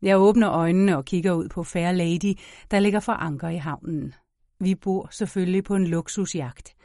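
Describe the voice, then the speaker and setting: A woman narrating an audiobook in a measured, expressive storytelling manner. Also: fairly low pitch, no echo, clean studio sound.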